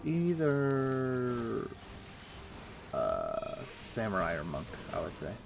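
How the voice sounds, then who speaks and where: With soft background music, a man with a mid-range, creaky voice draws out his words. He streams a game from home on a headset, chatting loosely and thinking aloud with lots of ums and uhs.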